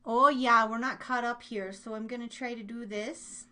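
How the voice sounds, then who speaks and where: Her fairly high voice is bright and pushed, holding a steady tone at a moderate pace. She's an American woman hosting a live online radio show and podcast, bubbly and informal as she rambles along with listeners.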